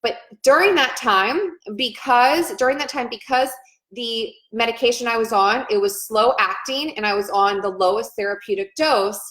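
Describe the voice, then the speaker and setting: A woman's voice: a little high, normal speed, fairly bright tone. Earnest woman in an echoey room. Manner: earnest, emotional, repeats phrases. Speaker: nurse and vlogger. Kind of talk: personal testimony vlog.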